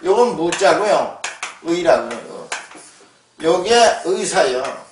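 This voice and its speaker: A man's voice: on the high side, big pitch swings, slow, slight background noise. A man giving an emphatic, scolding lecture, often tagging rhetorical questions onto his points. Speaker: lecturer on word origins. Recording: echoey room, voice far from mic.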